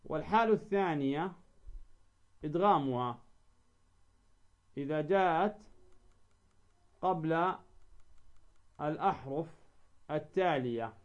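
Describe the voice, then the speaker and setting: Male teacher, fairly high voice, deliberate, asks and answers his own questions, repeats example words, muffled lo-fi sound. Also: expressive. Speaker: Quran recitation teacher. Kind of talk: recorded lesson. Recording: dull lo-fi recording.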